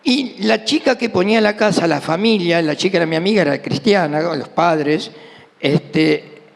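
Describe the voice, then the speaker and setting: A middle-aged Argentine man preaches a testimony-driven sermon, voicing the people in his stories. His voice sits high and is heavily gravelly with fry. It rings out with a long hall reverb from the church. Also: moderate pace. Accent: Argentine Rioplatense Spanish. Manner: animated storyteller, acting out dialogue.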